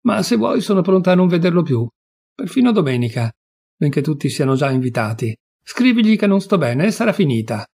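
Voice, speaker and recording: A man voicing a proud, offended young wife in an audiobook reading, quick and a little haughty. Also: on the high side, very animated, gravelly, darkish tone, husky, heavily acted. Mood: pleading.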